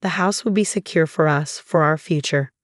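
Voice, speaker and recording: A woman's voice: low-pitched, normal speed, no room sound, clean studio sound, lightly acted. A woman reading as a pleading, evasive husband. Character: scheming self-pitying husband, adult man.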